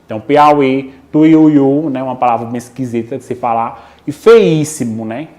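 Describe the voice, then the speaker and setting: A male teacher with a Brazilian Portuguese accent from Pernambuco gives a recorded online lesson. He talks in an explanatory way, often checks in with "né?" and "ok?", and slows down to draw out each example word. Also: medium pitch, darkish tone. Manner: explanatory, frequent "né?" and "ok?" check-ins, drawn-out example words.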